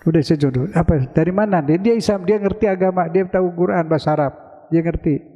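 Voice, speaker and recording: Speaking quickly in a high, dark-toned voice, a preacher from Indonesia delivers a conversational sermon in a large mosque hall. He asks his listeners questions, then answers them himself. The lo-fi recording sounds dull and carries a long hall reverb.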